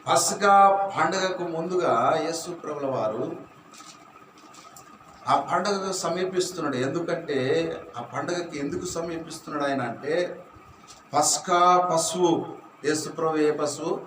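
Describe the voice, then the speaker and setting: A man's voice: on the high side, measured pace, pauses often, noisy background. A man preaching a sermon to a church congregation, asking them questions and calling on them to answer. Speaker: pastor. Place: church hall. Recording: echoey from far off.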